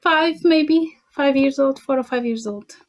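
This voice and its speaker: Speaking at a measured pace in a high-pitched voice, a young Portuguese woman guests on a podcast. Her casual interview talk is thoughtful, with plenty of fillers and restarts, in her native Portuguese.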